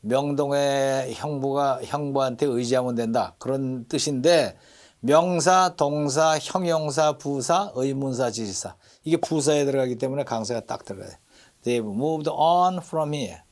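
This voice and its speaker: A middle-aged man teaching an English lesson, slowly repeating English phrases and marking their stress. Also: medium pitch, a little mellow.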